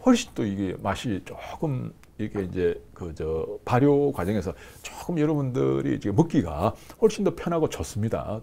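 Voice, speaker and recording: Man in his fifties, lecture to camera, gravelly, lively pitch, lapel mic. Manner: explanatory, repetitive fillers, gestures with hands. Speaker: business course instructor. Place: small indoor studio with screen backdrop.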